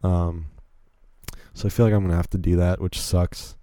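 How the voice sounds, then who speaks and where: Speaking at a normal speed, this young podcast host from Virginia has a low, mellow, level voice captured dry and at studio quality. Alone at the mic, he wanders through his thoughts, frequently starting over and poking fun at himself.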